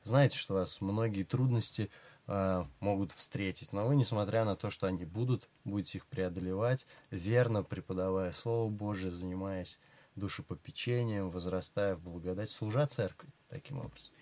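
Male guest pastor, very low voice, steady preacherly counsel. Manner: measured, preacherly advice. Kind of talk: religious interview talk.

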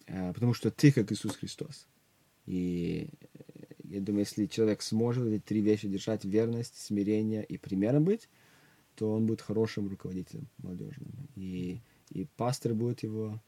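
A man's voice: fairly low pitch, mellow, husky, no room sound. A young man speaking as a guest youth minister in an interview, earnest, often restarting his words. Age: young adult. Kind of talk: religious interview talk.

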